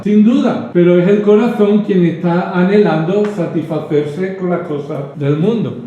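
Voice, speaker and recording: A man's voice: high voice, dark tone, reverberant. A male pastor from preaching a sermon, pressing his points with rhetorical questions and repetition. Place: church hall.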